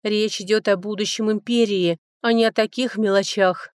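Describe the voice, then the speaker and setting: A woman reading an audiobook, voicing a calm, self-possessed duchess who is the older sister. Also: mid-range voice, no room sound, studio quality, close to an everyday voice. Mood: composed. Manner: cool, measured, softly condescending.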